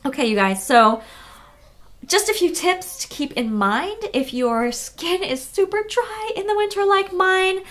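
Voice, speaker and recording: A woman in her thirties from the United States, chatting casually through a beauty tutorial with lots of fillers and quick self-corrections. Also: extremely high pitch, lively intonation, fairly bright tone. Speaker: beauty vlogger.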